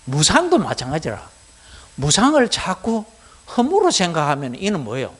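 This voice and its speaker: Teaching Buddhism to lay students, a middle-aged Gyeongsang-accented man speaks at a moderate pace in a slightly rough voice pitched high for a man. He sounds lively and conversational, his intonation rising and falling sharply as he peppers the class with rhetorical questions.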